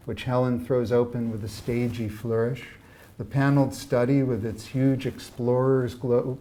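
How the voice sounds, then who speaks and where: A man reading from his own novel at a live literary evening, in a measured and expressive storytelling manner. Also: mid-range voice.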